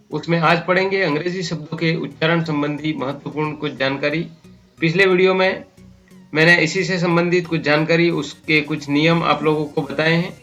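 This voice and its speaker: High bright Hindi-speaking male teacher. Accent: Rajasthani Hindi. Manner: slow, spells out letters one by one. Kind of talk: spoken English pronunciation lesson.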